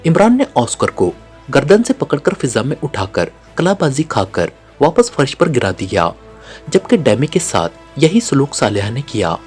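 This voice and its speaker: Male storyteller with a very animated, swooping delivery, soft music underneath. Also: mid-range voice, moderate pace. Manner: lively storytelling, voicing each character's lines himself. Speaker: narrator. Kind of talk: audiobook narration of a spy novel.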